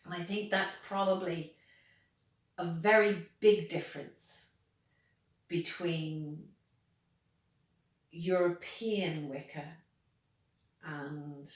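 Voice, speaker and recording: A woman with an Irish accent giving reflective interview answers in a deliberate, measured, emphatic way. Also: low-pitched. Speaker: interviewee, pagan priestess. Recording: very echoey room, distant mic.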